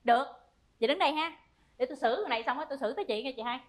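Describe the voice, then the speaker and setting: A woman's voice: high voice, racing, natural voice. An actress playing a bossy wife who wails and pleads over her husband, in a stage comedy sketch. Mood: furious. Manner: theatrical wailing and pleading. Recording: live stage with audience laughter.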